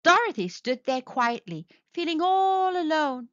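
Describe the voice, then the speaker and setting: A woman with a high, bright voice reads a children's story aloud, telling it in a very animated way at a slightly slow pace. The recording is dry and a bit dull.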